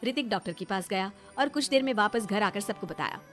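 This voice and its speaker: A woman's voice: medium pitch, animated, fairly quick, soft background music. A woman narrating a cartoon moral story in a plain storytelling manner.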